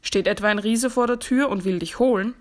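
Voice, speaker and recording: A woman voicing a stern, fatherly king from a fairy tale, speaking firmly and loudly. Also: mid-range voice, fairly quick, natural voice.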